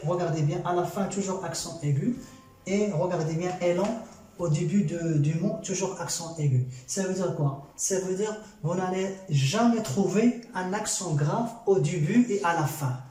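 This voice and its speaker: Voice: medium pitch, moderate pace, warm tone. A teacher with a Moroccan accent, patiently explaining a grammar lesson and answering their own questions. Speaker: French teacher. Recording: very echoey room, distant mic, faint music.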